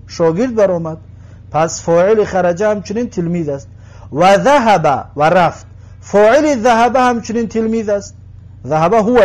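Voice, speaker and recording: A man giving a grammar lesson. He explains slowly and patiently, saying each phrase, translating it and then repeating it. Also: fairly high pitch, a little mellow. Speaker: Arabic language teacher.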